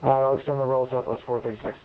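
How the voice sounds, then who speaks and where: A man's voice: medium pitch, level tone, quick pace, phone-quality sound, noisy background. A man as a pilot talking over the radio, giving terse readbacks and call signs with hesitant fillers. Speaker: airline pilot on a flight-sim network.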